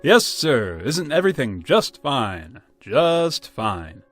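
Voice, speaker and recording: A man's voice: medium pitch, big pitch swings, slow, fairly bright tone, no room sound, soft background music, exaggerated voice. An actor playing a folksy, jovial, hospitable old father in a radio drama. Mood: insistent, genial. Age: older.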